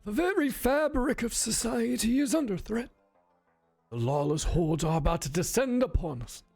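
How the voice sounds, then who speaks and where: A man's voice: sits high, animated, moderate pace, darkish tone, soft background music, pitched above the performer's own voice. A man voicing a fussy, indignant old male banker in a Western mystery game. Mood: outraged. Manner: pompous, indignant.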